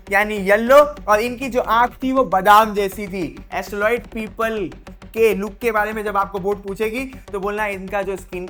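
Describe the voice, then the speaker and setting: A woman's voice: a little high, fairly bright tone. A woman teaching an exam revision lesson, playful and chatty, drilling her points by asking questions and answering them herself.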